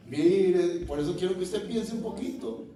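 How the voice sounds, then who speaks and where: A male pastor preaching a lively sermon, shouting out quoted lines and laughing as he addresses his listeners. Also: sits high, slow pace, a little hiss or hum. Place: church. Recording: very echoey church hall, heard from a distance.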